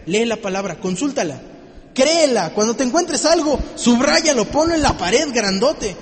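A man preaching a lively sermon, joking and acting out little scenes for his listeners. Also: extremely high pitch, normal speed, long reverb tail.

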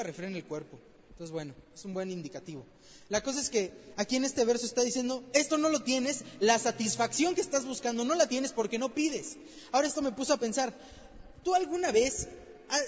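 A man's voice: very high-pitched, expressive, a little fast. A man preaching a conversational sermon, asking rhetorical questions and repeating phrases for emphasis. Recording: long hall reverb, dull lo-fi sound.

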